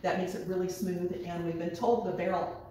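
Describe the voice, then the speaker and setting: A woman's voice: fairly low pitch, a little fast, recorded from a distance, slight background noise. Woman in her fifties, echoey room. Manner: eager, animated storytelling. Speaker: distillery owner. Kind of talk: casual chat. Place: small distillery room, indoors. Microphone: far camera.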